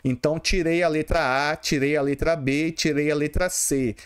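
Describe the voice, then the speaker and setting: A man with a Brazilian Portuguese accent teaches Portuguese for exam prep, explaining exam questions directly to his students. He answers his own questions and sounds out words syllable by syllable, his voice a little high, steady, and clean, at normal speed.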